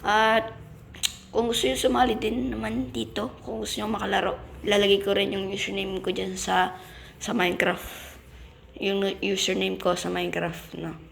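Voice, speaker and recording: A man with a Filipino accent hosting a gaming channel, giving excitable casual commentary as he plays and exclaiming when things go wrong. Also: sits high, moderate pace, vocal fry, a little hiss or hum. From Philippines. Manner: excitable, yelps and exclaims while playing.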